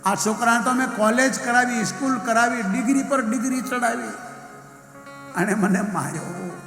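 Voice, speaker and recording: A man's voice: extremely high pitch, normal speed, voice pushed up. A man voicing an elderly, pious father who laments and pleads in grief. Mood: lamenting. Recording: echoey hall, faint music.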